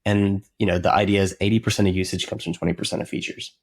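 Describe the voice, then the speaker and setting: A man being interviewed as a software company co-founder, speaking earnestly and reflectively in casual conversation, often restarting his sentences. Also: deep voice, fairly even intonation, fast talker.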